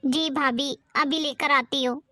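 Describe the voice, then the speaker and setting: A woman playing a meek, fearful young sister-in-law who answers softly and pleads. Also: high-pitched, fairly even intonation, measured pace. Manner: timid, pleading, hesitant. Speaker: performer in a family skit. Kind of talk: amateur family drama acting.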